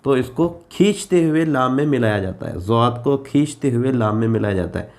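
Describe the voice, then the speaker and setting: A man with an Urdu accent teaching Quran reading in a slow lesson, drawing out the example syllables at length. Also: medium pitch, lively intonation, darkish tone.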